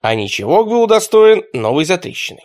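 A man narrates an audiobook with expressive storytelling. His voice moves lively through pitch and sits a touch high. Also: a little fast.

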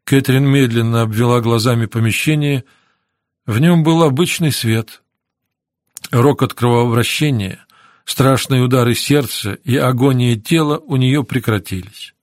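A man narrating a novel as an audiobook in a measured, even reading on a close studio mic. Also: mid-range voice, dry recording. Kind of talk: scripted narration.

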